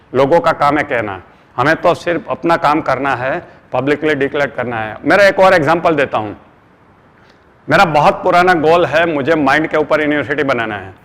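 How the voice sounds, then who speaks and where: A man's voice: a little high, a bit bright. A middle-aged man with an Indian accent, an earnest trainer giving a motivational seminar talk who calls his listeners friends. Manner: earnest, addresses listeners as friends, mixes English phrases. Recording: long hall reverb.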